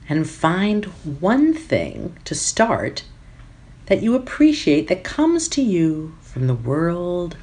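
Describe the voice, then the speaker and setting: A woman teacher with a lowish voice leads a guided meditation. She gives gentle instructions phrase by phrase, leaving long pauses.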